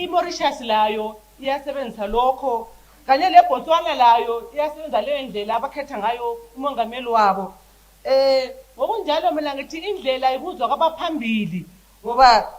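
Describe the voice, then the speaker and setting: A woman with a Zimbabwean Ndebele accent giving a parliamentary debate speech as a member, in a halting manner with repeated starts. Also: high-pitched, low-quality recording.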